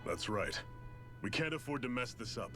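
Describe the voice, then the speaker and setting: Commanding rebel leader with animated delivery by an actor. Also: male voice, mid-range voice, moderate pace, natural voice. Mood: resolute. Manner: decisive, commanding. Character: resolute male resistance leader, commanding and steady. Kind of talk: English video game dub. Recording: game music over the voice.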